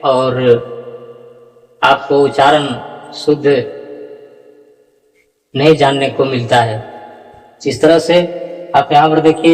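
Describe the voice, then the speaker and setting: A man teaching the correct pronunciation of scripture verses, chanting them slowly, syllable by syllable, and correcting others' mistakes. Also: on the high side, long reverb tail, poor audio. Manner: slow, deliberate, drawn-out syllable-by-syllable chanting of verses. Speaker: Gita recitation teacher. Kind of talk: slow explanatory lesson on Sanskrit pronunciation.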